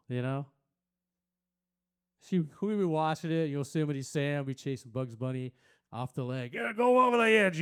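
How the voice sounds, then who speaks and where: A man doing a stand-up comedy set on a small stage, crude and rambling, talking to the crowd and putting on loud silly voices for quotes. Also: mid-range voice, clear, resonant tone.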